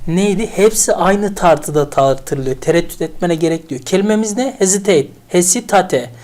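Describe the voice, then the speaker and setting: A teacher giving an online English vocabulary lesson, chatty and animated, asking themselves questions aloud as they recall memory tricks. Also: mid-range voice, normal speed.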